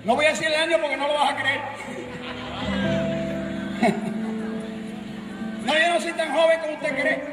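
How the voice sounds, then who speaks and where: A middle-aged Puerto Rican man with a Puerto Rican accent preaching a sermon, shouting emphatically and joking with the congregation. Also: extremely high pitch, flat delivery, fairly quick. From Puerto Rico. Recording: echoey room with music and crowd.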